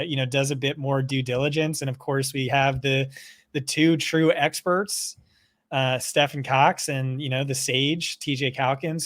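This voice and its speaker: A man's voice: medium pitch, a bit bright, dry recording. A man co-hosting a sports podcast, talking with enthusiasm, teasing the others and using lots of fillers. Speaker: podcast co-host. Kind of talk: casual sports podcast chat.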